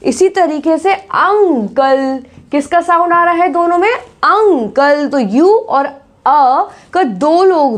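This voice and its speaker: Casting note: female English teacher, high voice, unhurried, asks and answers her own questions. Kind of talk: spoken English lesson.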